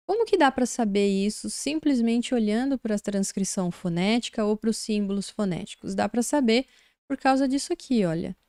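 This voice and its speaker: A woman's voice: on the high side, lively intonation, moderate pace, a little mellow, no echo, studio quality. A woman from Brazil teaching an online English lesson, explaining words patiently step by step.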